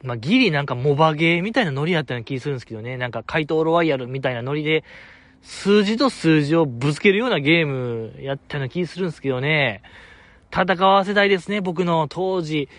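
A man with a fairly high, animated voice talks fast in a dry recording. In a Kansai Japanese accent, he hosts a casual solo radio show, going through listener mail in a chatty, self-deprecating manner.

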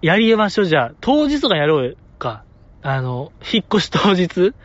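A man's voice: high voice, normal speed. A man hosting a podcast in casual chat, joking and playful. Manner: animated, joking, playful put-on voices in quoted asides. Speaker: podcast host. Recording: dry, dull lo-fi podcast audio.

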